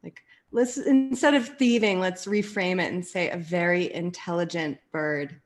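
A woman from Colorado, a yoga therapist guesting on a podcast, speaking in a relaxed, playful way. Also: on the low side, moderate pace. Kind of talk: casual interview chat.

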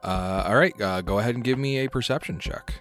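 A man narrating a tabletop game as game master, with many pauses and fillers. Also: mid-range voice, soft background music. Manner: hesitant, filler-heavy narration.

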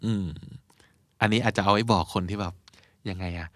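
A man's voice: fairly low pitch, steady tone, moderate pace, a bit bright, no room sound, clean studio sound. A young adult man hosting a casual vocabulary lesson, chatting through explanations and spelling words out letter by letter. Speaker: English teacher and host.

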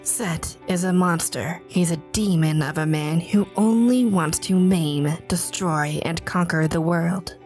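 A man's voice: fairly high pitch, unhurried, hardly any pauses, darkish tone, faint music behind, voice pushed up. Man putting on a sassy teen girl. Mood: serious. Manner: sassy, mocking. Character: brash cheeky teen girl time traveler. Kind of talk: audiobook narration.

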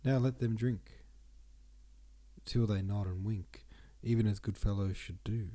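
Speaking at a measured pace in a lowish voice, a male podcast host reads old poems aloud. He sounds sniffly and congested, and he chats about the verse in casual, relaxed asides.

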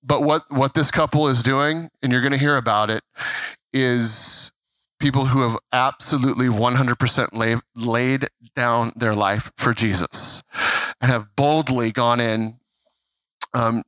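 A man's voice: medium pitch, steady tone, measured pace, sharp tone, no echo, poor audio. A man, the pastor, introducing a guest speaker and leading a prayer at a church service, emphatic and repeating words as he builds up.

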